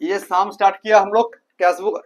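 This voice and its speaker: A man's voice: high-pitched, little pitch movement, a little fast. A man teaching a class in a classroom, firing questions at his students and repeating key terms, mixing in English and Hindi. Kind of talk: classroom lecture with student call-and-response.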